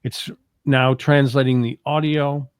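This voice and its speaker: A male co-host demonstrates software in a casual live tutorial, talking through the steps tentatively. His medium-pitched voice is smooth and unhurried with little pitch movement, and the sound is close and dry with no room sound.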